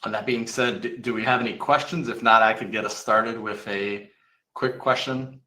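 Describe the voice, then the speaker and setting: A man hosting a panel discussion over a video call, relaxed and conversational, with some ums. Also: on the low side, normal speed, roomy sound, rough recording. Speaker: panel host and moderator. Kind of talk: casual panel moderation.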